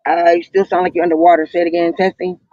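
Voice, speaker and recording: A man's voice: sits high, level tone, fast talker, mellow, no room sound. Man on a breaking-up voice call. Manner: slangy, laid-back, talks over others. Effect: voice over a breaking-up online call. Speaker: voice chat participant. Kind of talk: casual group voice chat. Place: riding in a car. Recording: dull, dry, lo-fi call audio.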